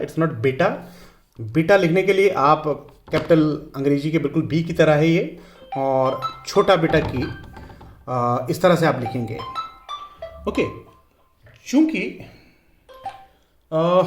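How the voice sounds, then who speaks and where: A man's voice: a little high, slight background noise. Hindi-speaking man teaching physics, echoey room. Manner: explains slowly, stresses each pronunciation in English. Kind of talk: classroom lecture.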